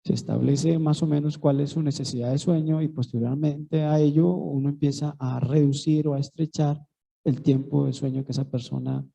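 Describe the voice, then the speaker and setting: Gravelly man explaining sleep clinically. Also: fairly high pitch, fairly even intonation, dark tone, poor audio. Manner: measured, clinical, with fillers. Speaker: sleep specialist on a panel. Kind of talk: explanatory panel talk.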